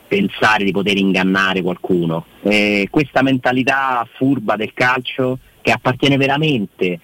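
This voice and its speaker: A man's voice: medium pitch, fairly bright tone, no room sound, low-quality recording. A man giving casual football commentary as a co-host, opinionated and repeating words for stress.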